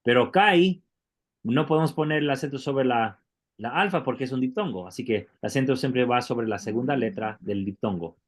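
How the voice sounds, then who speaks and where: A man's voice: medium pitch, moderate pace. A man who teaches Greek in an online class and explains things patiently, step by step, often restarting his words.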